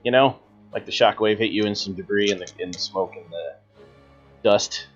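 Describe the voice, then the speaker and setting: A man's voice: lowish voice, normal speed, slightly rough. Male game master narrating over music, slightly dull. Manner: dramatic second-person storytelling. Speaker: game master, show host. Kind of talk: narrating a tabletop horror game.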